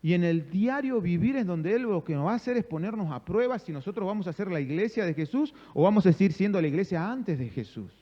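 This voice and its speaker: A man's voice: high voice, sing-song, fast, hardly any pauses, big-room sound, highs cut off. A male pastor with a Rioplatense Spanish accent preaching a sermon, calling on the congregation to answer and acting out conversations. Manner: preaching with call-and-response, acting out dialogues. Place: church sanctuary.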